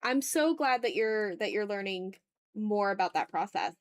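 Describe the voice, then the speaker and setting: On her art livestream, a woman with a medium-pitched voice and lively intonation talks at a moderate pace, recorded with no room sound. She reads viewer messages and replies in a casual, informal, expressive way, addressing her audience directly.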